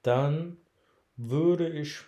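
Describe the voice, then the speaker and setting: A young man co-hosting a podcast in casual chat, joking and slangy, with hesitant pauses. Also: fairly high pitch, mellow. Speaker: podcast co-host. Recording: echoey room.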